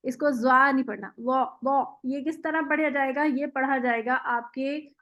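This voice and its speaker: A woman teacher, a native Urdu speaker, patiently explaining letter sounds step by step and modelling them slowly. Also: high-pitched, fairly bright tone, highs cut off. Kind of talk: patient pronunciation instruction.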